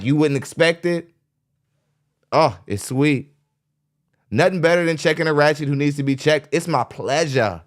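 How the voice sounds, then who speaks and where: A man's voice: on the high side, clean tone. A man hosting a podcast, giving live reaction commentary in a blunt, mocking, preachy way. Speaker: podcast host. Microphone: studio microphone.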